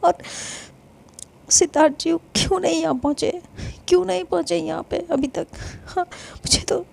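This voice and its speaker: An anxious younger sister begging and promising in a rush of repeated words, as a woman storyteller puts her on. The voice is high and carries a gravelly edge. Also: fairly even intonation, moderate pace, darkish tone, exaggerated voice. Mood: upset. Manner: pleading, urgent, stumbling repeats. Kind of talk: dramatized story reading.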